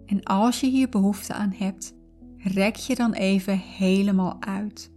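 A woman narrating a guided visualization in a calm, soothing, unhurried way. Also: medium pitch. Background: background music.

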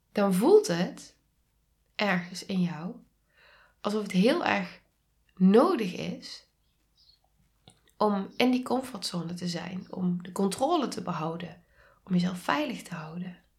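A Dutch-accented woman gives a reflective solo podcast talk. She speaks very slowly and calmly in a soft, mid-pitched voice. Her words often trail off into hushed whispers. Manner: slow, calm, soft-spoken, drops to whispers. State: sneezing. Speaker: podcast host and coach.

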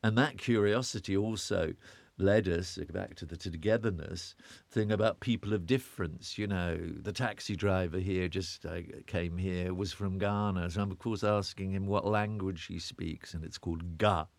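Recorded close and dry, without any room sound, this very deep-voiced British interview guest, an urbanist, reflects at a moderate pace with vocal fry. He rambles and cuts himself off, looping back and stumbling over repeated words while hunting for ideas.

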